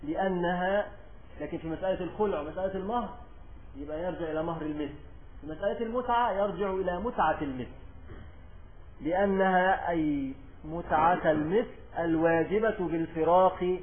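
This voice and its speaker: A man with an Egyptian accent teaches in a high voice, reading quoted lines slowly and loudly before explaining them. He keeps circling back with repeated phrases and rhetorical questions. The lecture comes through a thin, tinny recording. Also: a little hiss or hum. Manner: reads quoted text slowly and louder. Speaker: religious teacher.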